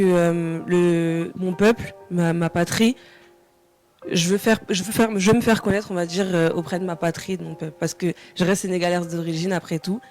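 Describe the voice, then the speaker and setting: A woman's voice: lowish voice, darkish tone. A young woman from France, a singer answering interview questions casually, hesitant with many fillers and restarts.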